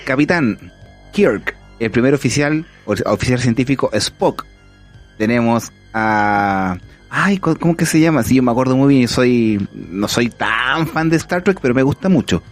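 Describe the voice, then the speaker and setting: A Chilean Spanish-accented man hosts a casual podcast, rambling enthusiastically through his stories. His mid-range voice is animated and moves at a measured pace, with faint music in the background.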